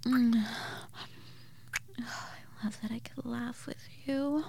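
A woman in an intimate whispered audio roleplay, speaking in a soft, breathy whisper with frequent playful giggles. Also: fairly high pitch, steady tone, slow pace.

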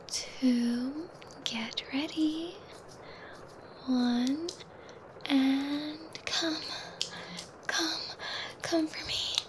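In this intimate ASMR roleplay, the performer keeps her whisper close and gentle, her voice high but warm and mellow. She lingers over each phrase at a very slow, breathy pace. The recording is rough, with slight background noise.

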